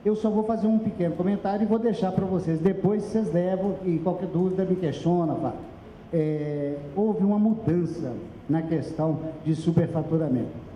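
A man's voice: high voice, normal speed, mellow, slight background noise. A middle-aged man with a Brazilian Portuguese accent, giving an emphatic seminar presentation into a handheld microphone. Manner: emphatic, gesturing, directs slide operator. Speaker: speaker at a public accounting seminar. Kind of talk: explanatory presentation. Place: small meeting room with audience. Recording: echoey room recorded from afar, dull.

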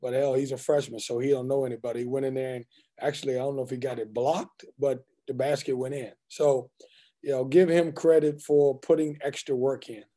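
A man in his forties speaks over a video call webcam, his voice mellow and dark-toned. He answers postgame questions in a candid, loose and joking way. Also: medium pitch, level tone, brisk. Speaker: head basketball coach. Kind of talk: postgame press conference. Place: indoors in front of a team backdrop.

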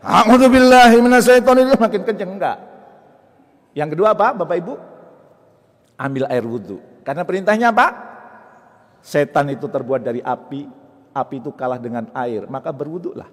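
Animated preacher man in a reverberant hall. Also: moderate pace, long pauses. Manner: animated, swings between loud high bursts and low soft asides; jokes and acts out little scenes. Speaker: preacher and motivational speaker. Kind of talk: lively religious talk to an audience.

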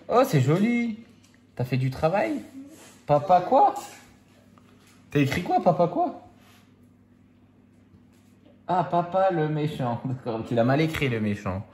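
Playful man with a lively voice. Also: fairly high pitch, a little hiss or hum. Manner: playful, teasing, drawn-out number counting. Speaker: scratch-card vlogger. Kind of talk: casual chat while scratching lottery tickets. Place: at home with his children nearby.

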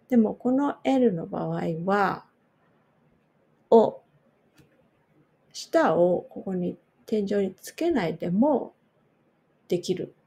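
Slow gravelly-voiced lady teaching english pronunciation, mellow tone, says each word over and over. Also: medium pitch. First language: Japanese. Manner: slow, repeats words for drill. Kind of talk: pronunciation lesson.

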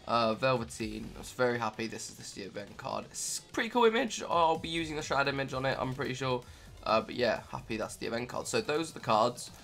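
A man's voice: mid-range voice, gravelly, fairly bright tone. Young dude chatting about his card game, lots of ums, kinda offhand, faint music behind. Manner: rambling, filler-heavy, offhand. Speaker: gaming YouTuber. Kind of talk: casual game commentary.

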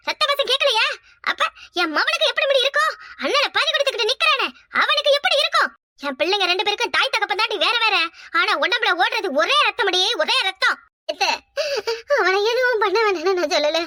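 A high, bright cartoon mother, voiced by a woman laments her lost son in a wailing, pleading voice. She is an older village woman, recorded dry and close. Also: dry recording, exaggerated voice. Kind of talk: cartoon family drama voice acting.

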